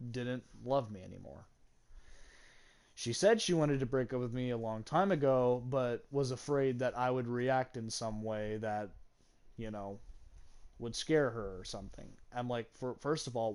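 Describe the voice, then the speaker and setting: A man's voice: mid-range voice, darkish tone, smooth. A young man candidly telling a personal story, swearing freely and sounding regretful. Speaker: gaming channel host.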